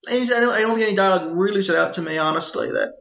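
High, bright-voiced young man, halting. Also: gravelly. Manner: hesitant, repeats words when starting. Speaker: podcast co-host. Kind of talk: casual film discussion. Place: apartment with open windows. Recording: roomy, dull lo-fi sound.

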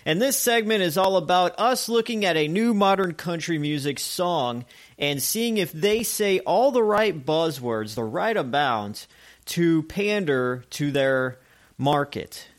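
A man hosting a comedic radio-style show, chatty and animated as he jokes through his segments. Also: on the high side, a little slow.

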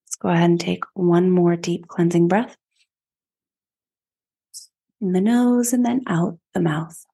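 A woman podcast host and yoga teacher leading a guided meditation in a slow, soothing, calm way. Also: fairly low pitch, gravelly, slightly rough.

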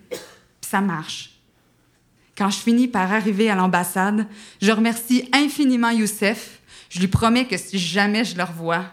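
A young woman from Quebec with an Outaouais accent, telling a personal story with lively self-mockery and acting out her own pleas. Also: mid-range voice. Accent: Quebec French, Outaouais. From Quebec, Canada.

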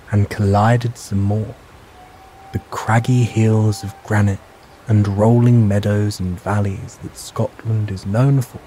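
A man narrating a bedtime sleep story in a calm, measured, soothing and hushed guiding way. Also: on the low side, a little hiss or hum, rough recording.

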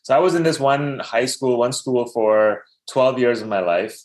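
A man's voice: medium pitch, moderate pace, darkish tone. A man in his thirties from Dubai, a podcast guest telling his life story casually, with many fillers and restarts.

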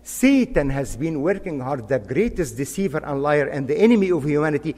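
Middle-aged male preacher, emphatic sermon delivery, swooping pitch, long hall reverb. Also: sing-song, a little fast, a little mellow. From Egypt. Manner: impassioned, emphatic, repeats key phrases.

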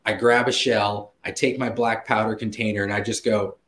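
A man's voice: on the low side, normal speed, roomy sound, rough recording. Laughing, swearing man telling a story. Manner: laughing, profane, animated storyteller. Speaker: guest. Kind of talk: casual podcast storytelling.

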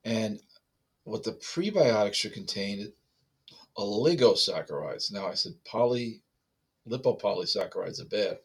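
A man's voice: fairly low pitch, breathy edge. A man giving health advice to listeners, explanatory, with frequent restarts and hiccups. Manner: explanatory, with restarts and repeated okays. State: has the hiccups. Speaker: health talk presenter.

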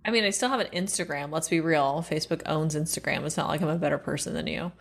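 A woman's voice: low-pitched, quick pace. A woman co-hosting a podcast in casual, comedic chat, earnest and playful, often asking questions. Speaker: podcast co-host.

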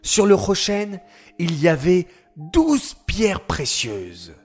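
A man voicing a patient, knowing boy who explains things slowly in a children's story. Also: sits high, wildly swooping pitch, a little mellow, husky, faint music behind, exaggerated voice. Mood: patient, warm.

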